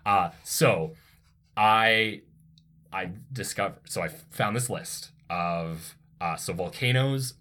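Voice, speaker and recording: A man with a very low, deep voice talks through a science topic in relaxed conversation. He explains eagerly and drifts into side thoughts as ideas strike him, like a co-host chatting with a friend. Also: takes it slowly. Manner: enthusiastic, digressive explainer. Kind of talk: casual educational chat.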